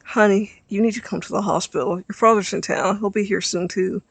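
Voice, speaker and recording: A man voicing a tired, worried mother who speaks softly and wearily in a storybook reading. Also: high voice, steady tone, fairly quick, creaky, husky, no echo, exaggerated voice. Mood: weary pleading. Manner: soft, weary and pleading. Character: tired, worried mother pleading with her son.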